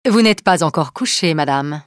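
A woman plays a wary, ironic king in a storybook reading. He probes and teases, frank about his enemies, in a low, dry voice. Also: expressive, moderate pace, dry recording. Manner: ironic, probing. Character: French king, ironic, wary, proud adult man.

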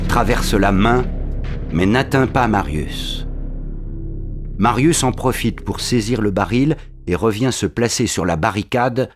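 A man narrating a classic novel in a slow, measured storytelling manner. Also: mid-range voice.

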